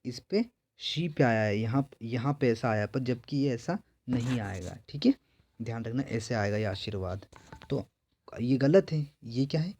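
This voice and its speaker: A man's voice: medium pitch, animated, measured pace, a little mellow. A male teacher going through exam questions, asking each one aloud and then answering it himself. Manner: repetitive, quizzing himself and answering. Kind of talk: exam-prep lesson.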